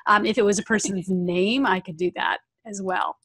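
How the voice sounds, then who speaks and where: A woman's voice: mid-range voice, steady tone, moderate pace, a bit bright, breathy edge. A woman hosting a webinar, talking through a screen recording walkthrough and prompting her audience with questions. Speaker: webinar host and trainer.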